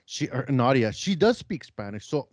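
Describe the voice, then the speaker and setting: A man's voice: medium pitch, sing-song, moderate pace, no echo. Upbeat Chilean-born man hosting a podcast. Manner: upbeat, chatty. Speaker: podcast host. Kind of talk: casual interview chat.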